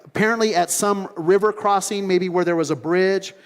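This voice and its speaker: A man preaching a sermon as pastor, telling stories in an animated way and acting out other people's voices. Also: sits high, moderate pace, smooth, in a large hall. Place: church sanctuary.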